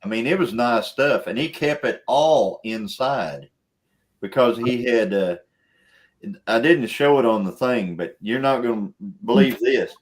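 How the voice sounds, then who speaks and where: A man's voice: medium pitch, unhurried. A man, hosting a casual chat in a folksy, rambling way and laughing often. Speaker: show host.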